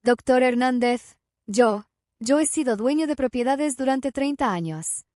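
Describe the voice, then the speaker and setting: A woman voicing a weak, ashamed older wealthy man lying in a hospital bed, speaking hoarsely. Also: sits high, expressive, unhurried, dark tone, no echo, studio quality.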